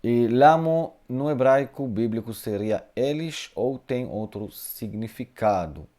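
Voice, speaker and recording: A man's voice: mid-range voice, animated, takes it slowly, mellow. A man whose first language is Hebrew, teaching a live online Hebrew lesson from home and answering viewers' questions, hesitating often and adding tag questions.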